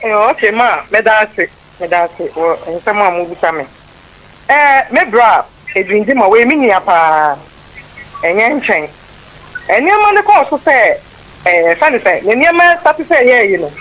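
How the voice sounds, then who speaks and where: Bright Ghanaian woman on a phone. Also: medium pitch, very animated, rough recording. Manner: measured, defensive, explaining. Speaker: caller, the footballer's sister. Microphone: phone line.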